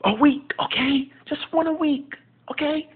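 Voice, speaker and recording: A fussy, exasperated lawyer, as a man puts him on, scolding in a voice pushed far above his own, loud and nagging. The sound is thin and tinny, like a phone call. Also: very high-pitched, unhurried, pitched above the performer's own voice. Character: fussy exasperated male lawyer, easily annoyed.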